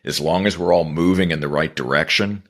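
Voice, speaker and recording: A man guesting on a business podcast speaks earnestly and with measured care, building his points through repeated phrases. His voice rumbles low yet carries a slightly bright edge.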